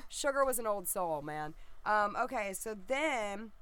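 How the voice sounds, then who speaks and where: A woman's voice: medium pitch, animated, a little slow, a bit bright, clean tone, no echo. Woman from the American South, enthusiastic co-host. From southern United States. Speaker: podcast co-host. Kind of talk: casual chat.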